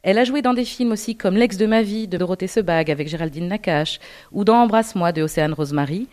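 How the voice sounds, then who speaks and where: A woman's voice: medium pitch, quick pace, a little mellow. A woman hosting a radio interview, upbeat and laughing often. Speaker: radio host.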